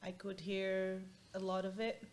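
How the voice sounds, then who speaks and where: A woman speaks as an interview guest, at an ordinary middle pitch for a woman. Her delivery is halting and searching, full of ums and restarts. A faint hiss of noise runs under her voice. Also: monotone, a little mellow. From Portugal and Angola. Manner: hesitant, halting, with many fillers and restarts. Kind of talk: casual interview chat.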